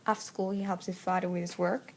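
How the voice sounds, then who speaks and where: A woman's voice: fairly low pitch, little pitch movement, fast, a little mellow, a little hiss or hum. Teen girl reading a school presentation. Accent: Swedish. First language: Swedish. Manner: reads from a script with small slips. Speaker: student presenter. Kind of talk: school presentation read aloud.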